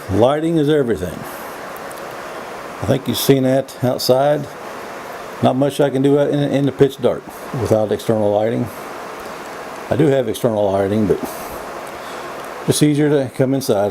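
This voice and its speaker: A man giving a casual, opinionated vlog monologue in a folksy, halting way, often repeating his words as he goes. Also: medium pitch, background noise. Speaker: vlog host. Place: indoors.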